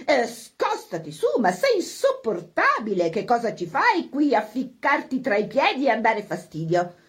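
A woman's voice: very animated, normal speed. Woman playing a frantic snobbish mother. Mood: irritated bossy. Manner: shrill, fretful, bossy.

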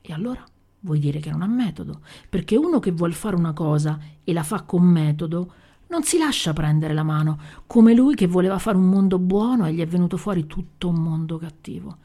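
A woman voicing a hungry nine-year-old boy, bitter and defiant, speaking in a hushed, often whispered voice in a storybook reading. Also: fairly low pitch, animated, a little fast.

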